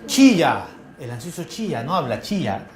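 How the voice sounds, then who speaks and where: A man with a Peruvian accent giving a classroom lecture, firing quick questions at his students in a colloquial way. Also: a little high, animated. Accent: Peruvian Spanish. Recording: echoey classroom.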